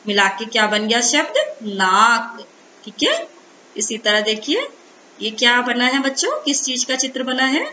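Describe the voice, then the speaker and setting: A woman teacher explaining a primary school Hindi lesson to children, slowly sounding out letters in a sing-song way. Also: fairly high pitch, very animated, pushed and bright. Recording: echoey room, dull lo-fi sound, faint hiss.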